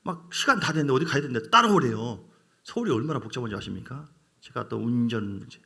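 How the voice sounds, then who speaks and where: A man preaching a sermon as pastor of a church, switching between quiet asides and loud exhortation and acting out quoted voices. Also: mid-range voice, lively intonation, quick pace, creaky. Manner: acts out quoted voices and leads the congregation in call-outs. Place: church sanctuary.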